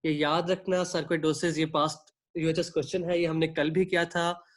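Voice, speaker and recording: A man's voice: a little high, little pitch movement, a little slow. Man lecturing medical students. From Pakistan. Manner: explanatory, checks in often with "theek hai", asks students for questions; clears his throat now and then. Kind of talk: online lecture mixing Hindi-Urdu and English.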